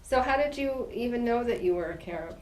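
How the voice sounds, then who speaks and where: Quiet woman interviewer asking questions. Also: on the high side, lively intonation, brisk, low-quality recording. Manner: quiet, patient, asks for clarification. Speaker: interviewer, filmmaker.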